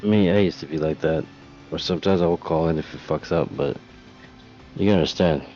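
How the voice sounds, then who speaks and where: A man's voice: deep voice, fast, mellow, lo-fi sound, faint music behind. A man chatting casually in a laid-back way, swearing freely. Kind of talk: casual chat.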